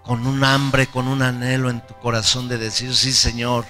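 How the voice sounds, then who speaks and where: A man's voice: mid-range voice, monotone, normal speed, pushed and bright, big-room sound, faint music behind. A male pastor preaching a sermon with fervor. He repeats key phrases and leads the congregation in prayer.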